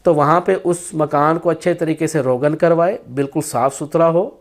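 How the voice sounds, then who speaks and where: A man explaining a spiritual practice in a firm instructional talk, with stretches of slow chanted recitation. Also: fairly high pitch, fairly even intonation.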